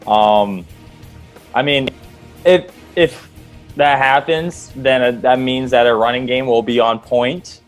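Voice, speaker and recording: A young man hosting a casual sports podcast, loose and quick to laugh, taking listener predictions. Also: medium pitch, faint music behind. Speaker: podcast host.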